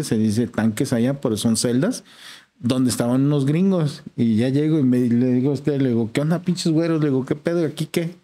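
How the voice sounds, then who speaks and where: Using a mellow mid-range voice and a Mexican accent, a man appears as a podcast guest and spins a lengthy personal story. He speaks in relaxed slang and performs the dialogue as he quotes it.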